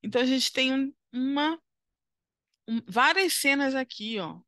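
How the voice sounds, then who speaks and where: Slow, bright-voiced encouraging teacher woman. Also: high voice, animated, no room sound, clean studio sound. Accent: Brazilian Portuguese. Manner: patient and encouraging, frequent "tá?" and "ó" checks. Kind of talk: primary school lesson walkthrough.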